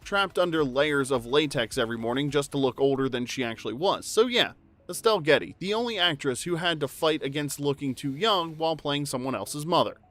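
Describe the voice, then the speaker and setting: A man narrates a pop-culture trivia video in an upbeat, jokey, conversational read. His voice sits a bit high for a man, with faint music under it. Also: animated, fairly quick, fairly bright tone. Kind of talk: scripted narration.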